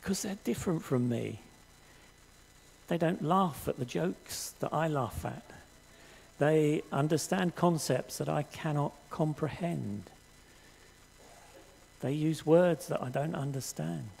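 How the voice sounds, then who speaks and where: An older man preaching a sermon in a church hall, earnest and measured, reading scripture aloud to the congregation. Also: fairly high pitch, creaky, darkish tone, breathy edge. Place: church hall stage with audience.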